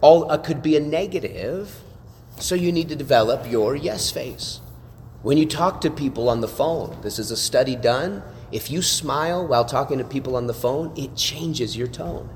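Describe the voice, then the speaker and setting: A man teaching a class like a sermon, animated and full of rhetorical questions and tag questions. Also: mid-range voice, normal speed, long reverb tail, slight background noise. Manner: animated, asks rhetorical questions, frequent "right?".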